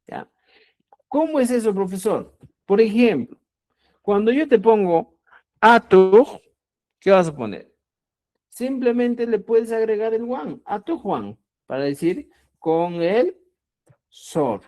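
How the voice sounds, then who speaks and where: A woman teaching Quechua grammar in a lesson, speaking slowly and deliberately, repeating key words and often checking that listeners follow. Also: medium pitch, big pitch swings, dark tone. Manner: addresses listeners as "estimados amigos". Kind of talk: explanatory online language lesson.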